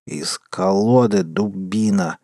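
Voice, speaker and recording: A man voicing a menacing, gruff gambler who speaks slowly and snarls in an audiobook. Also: mid-range voice, mellow, dry recording, clean studio sound, close to an everyday voice. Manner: slow, snarling. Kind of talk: audiobook character voice.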